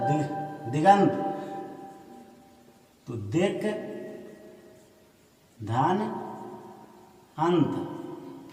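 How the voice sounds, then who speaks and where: A man giving a whiteboard grammar lesson, asking himself questions and answering them, stretching out key words. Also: sits high. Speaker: grammar teacher. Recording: echoey room, voice from far off.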